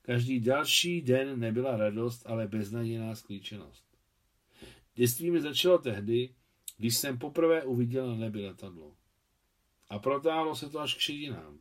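A man voicing a middle-aged, greying aviator who speaks in a calm, reflective, wry way in an audiobook. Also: mid-range voice, natural voice.

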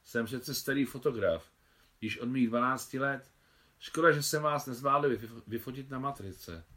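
A man reading the part of a fatherly older army officer who is a keen photographer, in a hearty, brisk manner. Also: medium pitch, sharp tone, pitched above the performer's own voice, lightly acted. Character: older male officer, kindly veteran photographer.

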